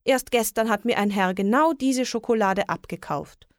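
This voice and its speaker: A woman's voice: on the high side, moderate pace, no room sound, studio quality, close to an everyday voice. A woman voicing a polite, friendly female shopkeeper in a children's story.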